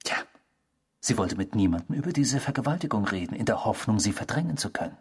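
This radio drama features a husky-voiced Dutch male character, an eerie and obsessive stranger telling in the first person about a crime he once committed. Pitched on the low side, his full character voice is fast, very animated, intense and hushed. Theatrical and unrepentant, he relishes the telling and imitates those he quotes.

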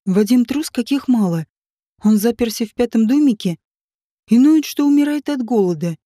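A woman's voice: a little high, expressive, normal speed, warm tone, no echo, studio quality. A woman reading a brash, pushy ex-cop. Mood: coaxing. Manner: blunt, teasing and pushy. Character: man, a brash ex-cop wooing a rich woman. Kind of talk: audiobook character reading.

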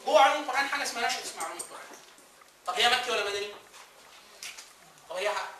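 A man's voice: extremely high pitch, expressive, rapid-fire, sharp tone, a little hiss or hum. A man with an Egyptian Arabic accent giving a classroom lecture, firing questions at the class and answering them himself. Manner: quizzing the class, answering his own questions. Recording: echoey room recorded from a distance.

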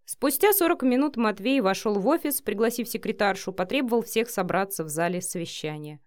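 A woman narrating a romance audiobook in an expressive, even storytelling manner. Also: medium pitch, a little fast.

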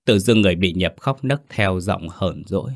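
A man narrating a ghost story in a steady, somber reading. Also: low voice, moderate pace.

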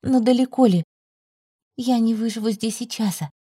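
A woman narrates an audiobook in the first person, soft and tense. Her voice is fairly high but mellow, with some breathiness. The recording is dry. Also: moderate pace, breathy edge, no echo.

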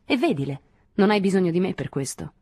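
A woman doing a shrill, furious young woman. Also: lively intonation, brisk, dark tone, husky, dry recording, clean studio sound. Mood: cold. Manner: aggressive, shrill outbursts. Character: young woman, sharp-tongued, bitter, quick to anger. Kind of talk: audiobook reading.

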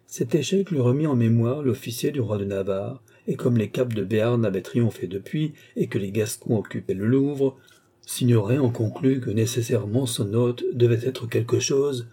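A man narrating a historical tale as an audiobook reader, with expressive storytelling. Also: mid-range voice, breathy edge.

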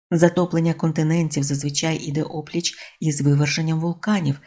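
A woman narrating a humorous novel as an audiobook, in a measured, wry storytelling manner. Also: deep voice, dark tone.

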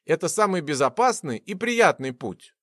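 A man's voice: fairly high pitch, big pitch swings, normal speed, dry recording, clean studio sound. A man reading an audiobook and voicing a teasing, cocky young man.

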